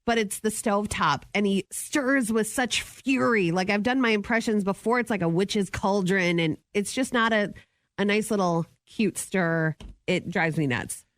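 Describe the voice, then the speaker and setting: A woman's voice: mid-range voice, normal speed, no room sound. A woman co-hosting a radio show, chatting casually with many fillers and an exasperated tone. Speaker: radio co-host. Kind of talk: casual morning show banter.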